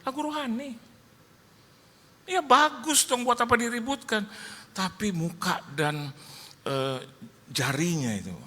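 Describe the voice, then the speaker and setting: A male pastor preaching, lively, telling comic stories and acting out dialogue in changing voices. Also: mid-range voice, a little hiss or hum. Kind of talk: sermon with comic storytelling. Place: large church hall. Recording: church hall reverb, faint ambience.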